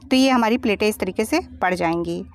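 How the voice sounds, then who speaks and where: A woman's voice: mid-range voice, fairly quick. A woman giving a step-by-step sewing tutorial as a voice-over, patiently explaining each measurement and cut. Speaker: sewing teacher.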